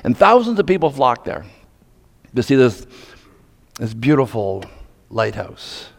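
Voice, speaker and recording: A man from Nova Scotia preaches a sermon, dramatically moving between hushed questions and loud, emphatic points. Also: mid-range voice, very animated, a little slow, vocal fry. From Nova Scotia, Canada. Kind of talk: sermon to men, storytelling with pointed rhetorical questions. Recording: reverberant hall.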